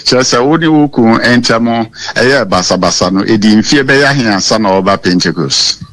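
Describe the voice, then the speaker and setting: A man on a radio talk show, asking the caller measured, probing questions. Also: mid-range voice, animated, a bit bright, no echo.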